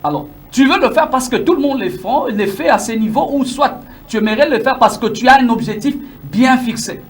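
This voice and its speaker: A man with a Congolese French accent coaches his viewers in a motivational teaching monologue. His voice sits very high for a man. He speaks emphatically, firing rhetorical questions at the listener and slipping Lingala phrases into his French. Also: expressive, normal speed. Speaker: English-learning coach.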